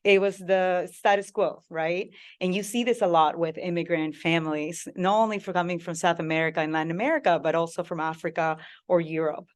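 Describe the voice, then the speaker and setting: A woman's voice: fairly low pitch, fairly even intonation, fairly quick. A woman from Peru, a food company founder giving an engaging talk and asking the audience questions.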